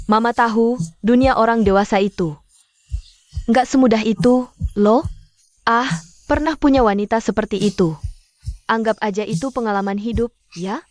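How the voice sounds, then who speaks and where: An actress plays a doting middle-aged mother, all fussing and coaxing, in a dubbed short drama. Her voice sits fairly high, with faint music under it. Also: dry recording, natural voice.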